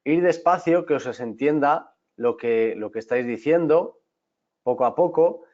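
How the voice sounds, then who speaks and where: A man's voice: on the high side, moderate pace, darkish tone. Guy giving a class, lots of restarts and checking in with students, kinda dull lo-fi audio. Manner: talks straight to students, with many restarts and checks. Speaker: teacher. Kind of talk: online class lecture.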